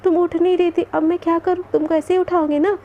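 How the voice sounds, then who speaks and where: A woman's voice: very high-pitched, level tone, quick pace, phone-quality sound, slight background noise. A woman voicing a playful, teasing young woman partner, in a storybook love tale. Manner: teasing, whiny, fake-pleading.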